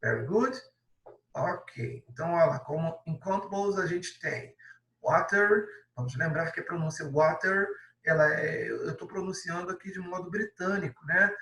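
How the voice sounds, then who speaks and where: Patient Brazilian teacher in an echoey room. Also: male voice, a little high, moderate pace, sharp tone, distant mic. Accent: Brazilian Portuguese. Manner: patient, explains step by step, adds many tag questions. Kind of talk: classroom lesson correction.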